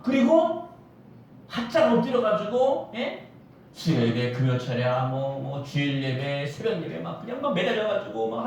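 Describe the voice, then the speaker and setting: Animated preacher in an echoey church. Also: male voice, high voice. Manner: animated, rhetorical questions to the congregation; acts out quoted voices of God and Solomon. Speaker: pastor. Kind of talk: Sunday sermon. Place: church sanctuary. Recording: echoey church hall, mic at a distance.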